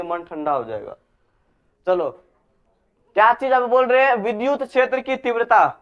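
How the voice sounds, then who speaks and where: A man's voice: high-pitched, fairly bright tone, clear, resonant tone. Man, classroom lecture, repeats terms as questions, dull lo-fi sound. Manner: repeats key terms as questions, scolds students. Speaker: physics teacher. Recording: dull lo-fi recording.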